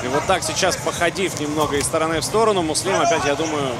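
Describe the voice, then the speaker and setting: A man's voice: fairly high pitch, fast talker. A man giving live analytical commentary on a fight as it unfolds. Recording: loud crowd and arena noise. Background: loud crowd noise.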